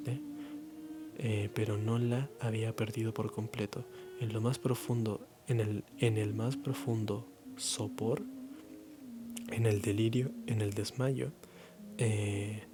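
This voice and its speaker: A man from Chile giving a soft ASMR reading, halting and stumbling with many restarts, his throat strained and muffled. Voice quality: low-energy, muted voice. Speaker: ASMR reader.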